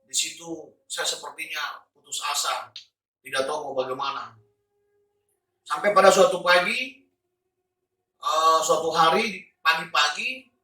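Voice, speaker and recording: A man's voice: fairly high pitch, sharp tone. A man sharing a personal religious testimony, in an earnest manner with fillers and restarts. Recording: echoey room, distant mic.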